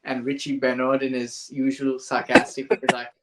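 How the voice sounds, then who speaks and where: A man's voice: medium pitch, normal speed. A man co-hosting a cricket quiz in casual chat, telling stories with animation. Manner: animated storytelling, acts out commentators' lines.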